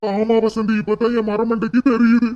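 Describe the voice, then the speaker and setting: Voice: mid-range voice, a little fast, darkish tone, no echo, dull audio, natural voice. A voice actor playing a guilt-ridden husband in a cartoon, pleading and soothing. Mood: sobbing. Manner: pleading and soothing, breaks into tears. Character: husband, guilt-ridden drinker who lost his car. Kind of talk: cartoon voice acting.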